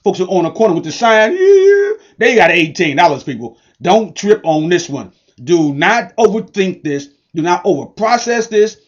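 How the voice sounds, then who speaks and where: High-voiced man giving a hyped sales pitch. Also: expressive, normal speed, hardly any pauses. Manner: preachy, repetitive call-and-response hype in casual slang. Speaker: online business promoter. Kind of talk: energetic sales pitch to camera. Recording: dull lo-fi recording.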